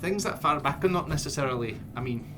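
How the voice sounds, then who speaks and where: A man's voice: on the high side, animated, quick pace. A man playing in a tabletop game, talking hesitantly and often trailing off. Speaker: player. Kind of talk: casual table talk. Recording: loud music behind.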